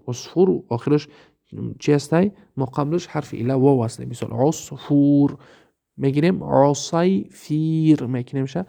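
A man's voice: mid-range voice, vocal fry, warm tone. A man with a Tajik accent teaching Arabic grammar in a recorded lesson, explaining step by step, repeating words and often checking that his listeners understand.

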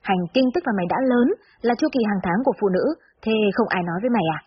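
A woman's voice: mid-range voice, quick pace, slightly rough, highs cut off, lightly acted. A woman doing a brash scolding teenage girl. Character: blunt teenage girl coworker, bossy friend.

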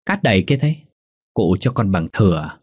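A man's voice: lowish voice, sing-song, a little mellow, breathy edge. Man doing a cheeky young peasant joker. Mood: mocking. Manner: mocking, teasing, quick-witted.

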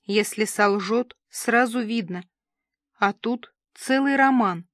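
A woman's voice: on the high side, takes it slowly, no room sound, clean studio sound. A woman reading the lines of a worried, weary middle-aged neighbor who talks in a gloomy, matter-of-fact way.

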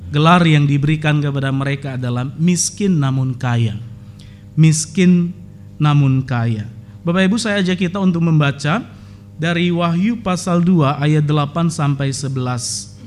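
A man preaching a sermon as pastor, telling a story and then building to emphatic exhortation. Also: fairly high pitch.

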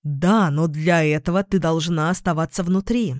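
A woman voicing a calm, loyal young man in an audiobook. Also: sits low, normal speed, dry recording, studio quality, natural voice. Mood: earnest, calm. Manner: calm, earnest.

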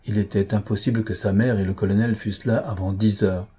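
Husky, dark-voiced male narrator. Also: fairly low pitch, fairly even intonation, a little fast. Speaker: audiobook narrator. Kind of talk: scripted narration.

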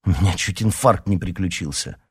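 A man voicing an irritable teenage werewolf boy who snaps and shouts at his sister. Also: sits low, fairly quick, husky, no echo, studio quality. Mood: irritated. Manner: snappy, shouting, annoyed.

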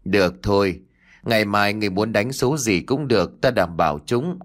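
A man voicing an aloof male deity spirit who speaks slowly and commandingly. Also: on the low side, close to an everyday voice. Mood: haughty. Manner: slow, haughty, commanding.

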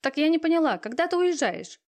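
Brisk, bossy mother on the phone, a woman doing the voice in an audiobook. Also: high voice, very animated, a little mellow, voice pushed up. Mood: pushy. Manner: curt, pushy, businesslike. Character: brisk busy middle-aged mother on the phone. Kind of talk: audiobook character reading.

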